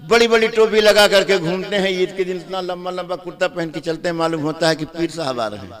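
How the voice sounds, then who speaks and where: A man preaching a sermon at a gathering, quizzing the crowd and swinging from loud to soft. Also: high voice, a little fast. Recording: live gathering with audience.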